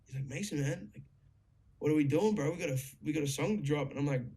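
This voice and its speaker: A young man telling a story in a casual chat, excited, swearing freely and full of fillers. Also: on the high side, fast. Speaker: guest musician.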